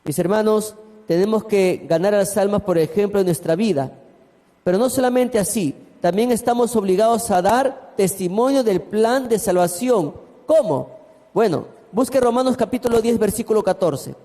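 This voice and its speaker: A man's voice: sits high, moderate pace, mellow. A man, a pastor preaching a sermon and telling a story with asides to his congregation. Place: church hall. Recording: long church hall reverb.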